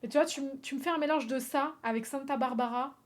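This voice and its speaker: A woman from France chatting on a livestream, animated and swearing freely, laughing often and slipping in English phrases. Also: high-pitched, quick pace. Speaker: streamer. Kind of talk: casual livestream chat.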